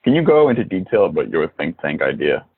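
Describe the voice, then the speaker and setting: A male podcast host reading formal questions, recorded at home and heard over a low-quality remote audio stream. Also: very animated, fast talker, slightly rough, narrow, tinny audio. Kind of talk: reading a scripted introduction and interview questions. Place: recording from his own home.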